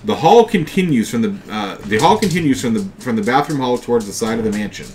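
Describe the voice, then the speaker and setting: A man hosting a board game play session, reading the game's text aloud with some drama and then talking through the rules in a relaxed, casual way. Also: medium pitch, quick pace. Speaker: host and player.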